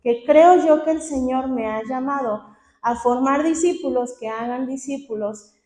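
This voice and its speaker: A woman's voice: high voice, a little slow, mellow, roomy sound. A young woman giving an earnest personal testimony at a church meeting, laughing now and then between phrases. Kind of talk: testimony talk.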